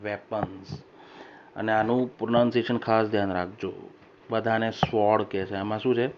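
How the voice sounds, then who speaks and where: A male teacher giving an English vocabulary lesson, reading each example sentence slowly and louder, then explaining it and checking that students follow. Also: on the low side, fairly even intonation. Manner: keeps checking understanding with short questions. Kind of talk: recorded classroom lesson. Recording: dull lo-fi voice recorder with faint hiss.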